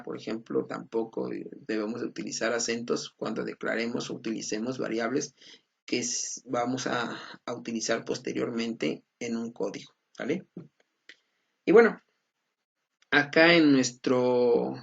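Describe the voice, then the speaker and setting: Male teacher, husky gravelly voice, patient lecture pace, dull lo-fi recording. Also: mid-range voice. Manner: patient, repeats points, checks in with students. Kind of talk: recorded lecture explaining slides.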